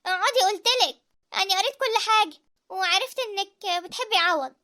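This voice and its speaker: Sara, a lively young Egyptian woman, voiced by a woman. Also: extremely high pitch, fairly quick, no room sound, clean studio sound. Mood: heartfelt. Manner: animated, expressive. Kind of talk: cartoon voice acting.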